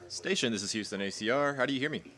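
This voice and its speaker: A man speaks as a space mission communicator, running through radio checks in brief procedural phrases. His delivery is brisk and businesslike in wording. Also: mid-range voice, pushed and bright.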